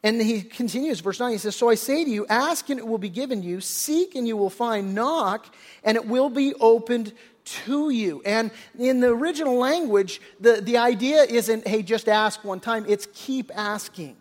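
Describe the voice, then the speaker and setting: A man's voice: very high voice, moderate pace. An older man preaching a conversational sermon as pastor, folksy and full of restarts, often acting out the characters' lines. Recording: long reverb of a large hall.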